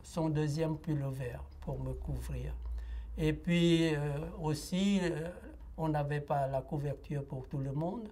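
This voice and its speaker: Slow, hesitant man. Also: a little high, warm tone. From Laos. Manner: hesitant, with frequent pauses and filler sounds. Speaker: interviewee giving a personal testimony. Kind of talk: reflective testimony interview.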